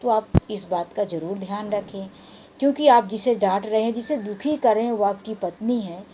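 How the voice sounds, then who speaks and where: A woman's voice: mid-range voice, normal speed, mellow, breathy edge. A woman vlogger in her thirties giving earnest, plainspoken advice straight to camera. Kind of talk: advice vlog talking to camera.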